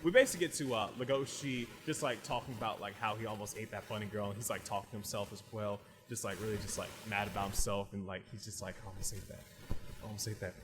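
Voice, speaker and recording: A man's voice: fairly low pitch, quick pace, hardly any pauses. A man hosting a casual podcast, rambling through a recap with "like" in nearly every phrase and frequent restarts. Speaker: podcast host reviewing anime.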